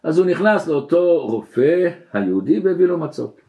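A middle-aged man, a rabbi, giving a religious lesson that mixes teaching with storytelling, acting out the people in his stories. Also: fairly high pitch. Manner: expressive storyteller who acts out the characters.

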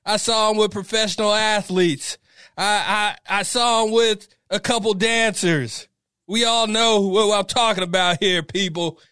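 A man's voice: high-pitched, steady tone, unhurried, bright, forceful tone, clear, resonant tone, dry recording, clean studio sound. A man hosting a casual interview, loose and swearing freely, often saying "you know". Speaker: podcast host.

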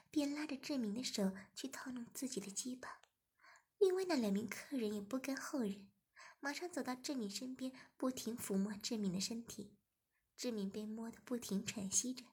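Breathy woman narrating softly. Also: a little high, moderate pace. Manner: soft, half-whispered narration. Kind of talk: erotic audio story reading.

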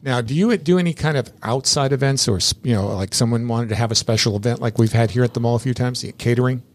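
A chatty man hosting a relaxed interview show. He rambles a little and often repeats words as he starts a sentence. His pitch sits in a middle range. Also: fast talker. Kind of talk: casual interview.

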